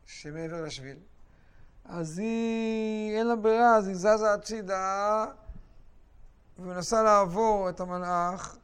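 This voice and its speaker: A man teaching a Bible lesson to a class, telling the story with animated asides to his students. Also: high-pitched, clean tone.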